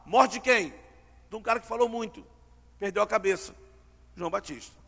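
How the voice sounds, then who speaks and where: High gravelly man preaching in a hall. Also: moderate pace, a bit bright. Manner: storytelling, acts out dialogue, asks the crowd. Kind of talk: sermon. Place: large church hall. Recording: long church hall reverb.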